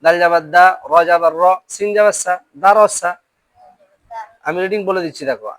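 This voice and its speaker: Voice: mid-range voice, steady tone, normal speed. A teacher giving a Quran reading lesson, sounding out letters and syllables and often asking students whether they will remember. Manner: drills syllables aloud, often checks understanding. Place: classroom with a board.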